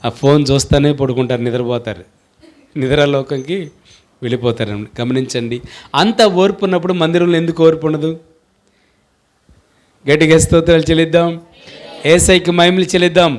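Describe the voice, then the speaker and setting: A man with a Telugu accent, a pastor preaching a sermon in a church hall, asking rhetorical questions and building to loud chanted declarations. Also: fairly high pitch, fairly even intonation, brisk, pauses often.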